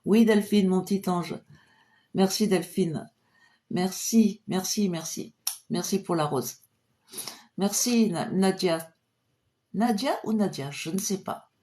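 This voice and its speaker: A woman clairvoyant reading out viewers' questions on a live stream and answering them with a pendulum. She is cheerful and chatty, and drops to a low murmur when she calls on her guardian angels. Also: slow pace, long pauses, dark tone.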